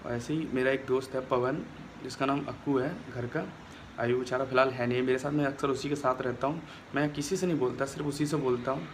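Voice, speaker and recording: A man's voice: medium pitch, fairly even intonation, fast, noisy background. A young man talking straight to his phone camera in a casual vlog, aggrieved and complaining as he retells a quarrel. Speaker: vlogger.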